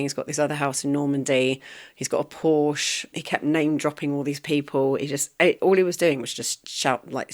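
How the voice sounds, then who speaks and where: A woman from Essex, England, hosting a podcast and telling a story in a blunt, animated way, swearing freely and laughing as she goes. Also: low voice. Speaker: podcast host. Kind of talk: casual storytelling monologue.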